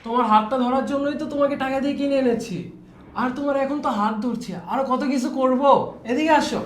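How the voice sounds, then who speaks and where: A man's voice: very high-pitched, quick pace, slight background noise. A man playing a lecherous, boastful office boss in a short film, with a leering, wheedling manner. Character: lecherous rich young office boss, brash. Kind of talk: amateur short film acting.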